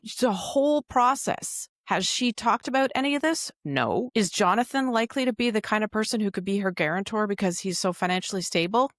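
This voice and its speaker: A woman's voice: medium pitch, animated, fairly quick, hardly any pauses, dry recording, clean studio sound. A woman co-hosting a podcast, chatting casually and explaining what she looked up in detail. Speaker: podcast co-host. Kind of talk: casual recap chat.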